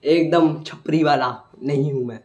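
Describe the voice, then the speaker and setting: A cheeky teenage boy jokes with his mother at home, his voice a little high for a man. The room rings with echo, and faint noise sits underneath. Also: fairly even intonation, a little slow, a little mellow. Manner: cheeky, joking. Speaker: vlogger's son. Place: home, indoors.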